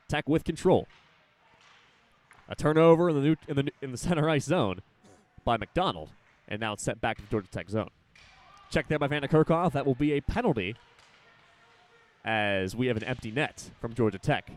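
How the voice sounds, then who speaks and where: A young man calls a college hockey game play by play in a quick, running patter. His voice climbs when a shot goes toward the net. He names each pass as it happens. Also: medium pitch. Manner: rapid, rising excitement on big plays. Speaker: play-by-play announcer. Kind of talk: live hockey play-by-play commentary.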